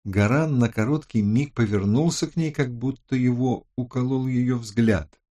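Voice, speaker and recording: A man narrating a detective audiobook in a measured, expressive reading. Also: medium pitch.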